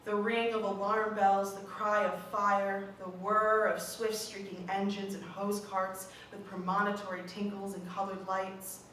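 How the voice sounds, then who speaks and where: Woman, steady poetry reader, recorded from a distance in a large hall. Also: medium pitch, measured pace, few pauses. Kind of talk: poetry reading. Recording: echoey hall, mic far off, background noise.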